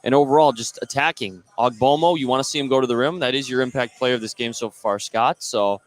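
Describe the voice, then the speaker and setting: Fast-talking and medium-pitched, this radio play-by-play announcer follows a live basketball game from inside a noisy gym.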